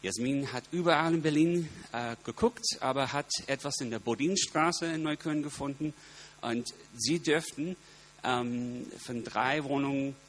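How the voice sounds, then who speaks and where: American-accented man, halting, over electrical hum. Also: medium pitch. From United States. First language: English. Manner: halting, searching for words in non-native grammar. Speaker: guest speaker, singer-songwriter. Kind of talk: informal personal talk to an audience. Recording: steady electrical hum behind voice.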